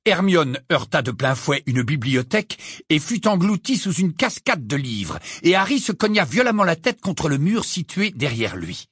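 Husky male audiobook narrator. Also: on the high side, normal speed, dry recording, clean studio sound. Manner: dramatic expressive reading. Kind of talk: audiobook reading.

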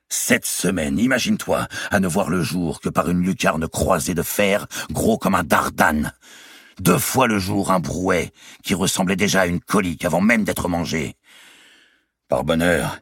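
A man voicing a brash, mocking giant of a royal nobleman, loud and bellowing in an audiobook reading. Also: sits low, slightly rough, dry recording, clean studio sound, voice pushed up, full character voice.

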